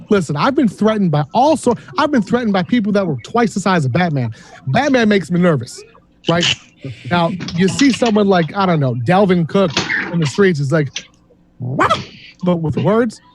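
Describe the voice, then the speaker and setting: Man, high voice, lively, swears, acts out quotes, faint noise behind. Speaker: host. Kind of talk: casual storytelling chat. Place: video call.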